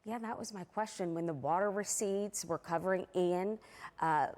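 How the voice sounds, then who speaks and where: A woman's voice: lowish voice, moderate pace, a little mellow. A woman working as a news anchor, reading an introduction and putting questions to a guest in a broadcast interview style.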